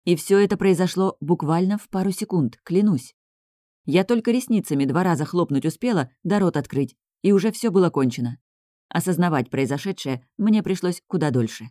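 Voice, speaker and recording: Woman reading a lively first-person story. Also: on the low side, a little fast, no echo, studio quality. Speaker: audiobook reader. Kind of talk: first-person audiobook narration.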